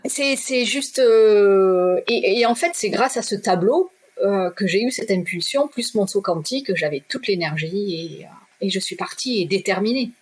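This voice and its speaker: A middle-aged woman from southwest France tells her story as an interview guest. Her voice is husky, and her delivery is direct and lively, slipping into the voices of the people in her tale. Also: mid-range voice, moderate pace. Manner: direct, lively, acts out dialogue. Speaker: guest, shop owner. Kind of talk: animated personal storytelling.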